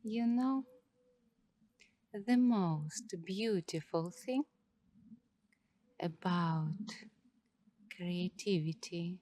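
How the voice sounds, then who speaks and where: An ASMR host, a woman with a lowish voice, narrates a meditation in hushed, partly whispered tones. She uses short phrases and leaves long pauses.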